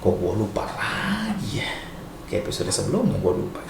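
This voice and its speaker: A middle-aged man from Indonesia giving casual advice as a vlogger, chatty and lively, slipping in Japanese and English words and laughing often. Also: on the low side, normal speed, gravelly. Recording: echoey room, faint background noise.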